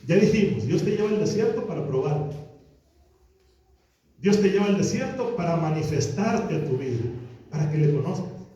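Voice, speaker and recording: A man preaches a sermon, building his points through emphatic repetition. His voice sits high and swings widely in pitch, with a mellow, soft-edged tone. He is picked up from a distance in a church hall with heavy echo. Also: expressive, moderate pace, long pauses, lo-fi sound. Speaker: pastor. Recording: echoey church hall from far off.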